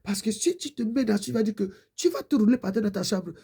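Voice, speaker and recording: A woman's voice: on the high side, animated, quick pace, gravelly, warm tone, slightly rough. A woman preacher giving a fervent exhortation and prayer, repeating her pleading prayer lines.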